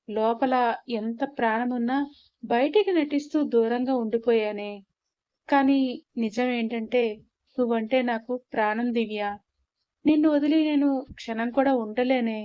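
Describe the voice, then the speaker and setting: A woman's voice: a little high, moderate pace, dry recording, dull audio, close to an everyday voice. A woman voicing a young male professor, proud but secretly loving toward his wife, scolding and then tender.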